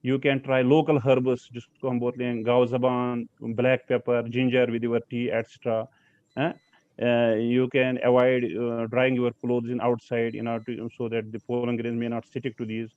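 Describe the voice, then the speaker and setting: Halting man lecturing over a video call. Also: mid-range voice, monotone, dry recording. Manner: halting, many fillers and restarts. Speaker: lecturer on pollen allergy. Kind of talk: online slide lecture. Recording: slightly dull video call audio.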